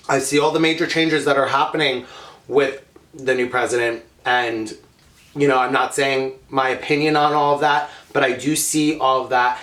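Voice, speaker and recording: A man's voice: a little high, a bit bright. A man in his twenties hosting a casual eating vlog, chatty and playful, sometimes talking with his mouth full. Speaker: vlog host. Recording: roomy echo.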